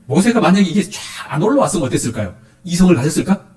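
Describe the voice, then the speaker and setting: Man, pastor, quick sermon, questions to the flock, lively pitch, echoey church. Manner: animated, asks the congregation questions.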